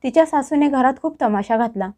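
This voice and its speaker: A woman storyteller giving steady, scripted narration of a dramatic family story. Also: high voice, a little fast.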